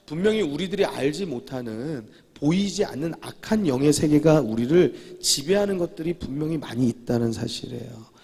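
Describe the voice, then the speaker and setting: A male pastor preaching a sermon in a church, emphatic and repetitive, with sudden loud declarations. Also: a little high, breathy edge. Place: church sanctuary. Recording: long reverb of a church hall.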